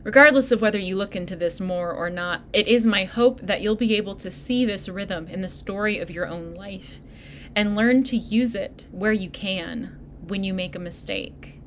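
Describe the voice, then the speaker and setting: A woman pastor giving a sermon, speaking in a gentle, encouraging way straight to her listeners. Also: medium pitch, moderate pace, a little hiss or hum. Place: church video recording.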